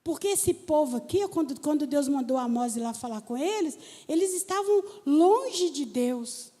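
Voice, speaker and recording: A woman pastor preaching a sermon, telling stories and talking straight to the congregation in an animated way. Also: sits high, normal speed. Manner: animated storytelling preacher, talks to the congregation directly. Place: church hall. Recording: church hall with long reverb.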